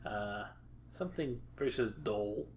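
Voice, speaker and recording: A man casually chatting on a podcast as co-host, halting with lots of filler pauses and dry, crude jokes. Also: on the low side, animated, a little mellow, a little hiss or hum.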